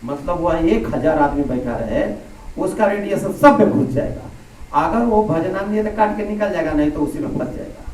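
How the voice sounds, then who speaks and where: A man preaches to a gathering, his rather high, mellow voice carried through a microphone into a big echoing hall. He is heard from some way off, with a faint murmur of the room behind him. He repeats his key phrases and leans on homely comparisons. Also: expressive, normal speed, a little hiss or hum. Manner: explains by plain everyday comparisons. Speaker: spiritual teacher. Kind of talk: satsang sermon. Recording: echoey hall, speaker heard from a distance.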